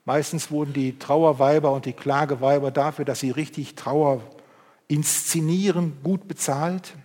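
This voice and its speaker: A man preaching a sermon and reading from the Bible, moving between loud emphasis and hushed, intimate passages. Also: on the high side, steady tone, unhurried. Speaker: pastor. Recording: long hall reverb.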